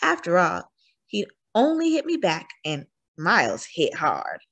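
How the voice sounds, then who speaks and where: A woman reading a children's picture book aloud as a teacher, expressive and animated. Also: fairly low pitch, measured pace. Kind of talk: children's storybook read-aloud.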